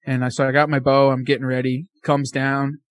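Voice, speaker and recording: A man guesting on a podcast, excitedly telling a casual story full of fillers and slang. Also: mid-range voice, brisk, no room sound, studio quality.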